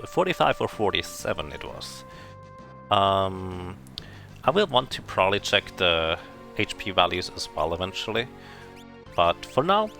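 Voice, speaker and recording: A man's voice: low-pitched, gravelly, pushed and bright. A man streaming a game, chatting casually and thinking aloud, his voice sounding tinny and canned through a substitute microphone. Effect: tinny tin-can sound from a substitute microphone.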